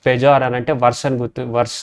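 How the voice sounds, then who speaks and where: A man's voice: mid-range voice, little pitch movement, racing, smooth. A man teaching English vocabulary in a casual lesson, spelling words out letter by letter and saying "okay" again and again. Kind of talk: casual lesson explaining word roots.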